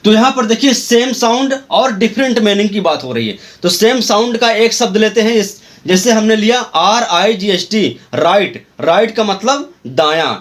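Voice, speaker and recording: A man teaching an English grammar lesson, explaining each point slowly, spelling words out letter by letter and repeating himself. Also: high voice, expressive.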